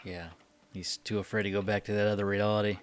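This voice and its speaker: A man with a lowish voice and flat delivery speaks quickly, hosting a reaction video where he gives casual commentary and talks back to the show he's watching. The recording is very noisy, with the music and dialogue of an old TV show playing behind him.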